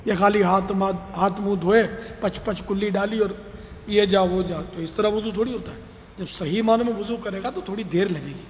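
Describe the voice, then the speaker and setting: High-voiced preacher in an echoey hall. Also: male voice, slight background noise. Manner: animated storytelling, acting out pleading voices. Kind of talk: religious sermon.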